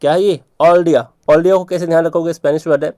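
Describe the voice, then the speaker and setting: A man's voice: on the high side, fairly even intonation, fast, warm tone, dry recording. A man teaching vocabulary tricks for exams, repeating points and checking in with rhetorical questions. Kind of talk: exam vocabulary lesson.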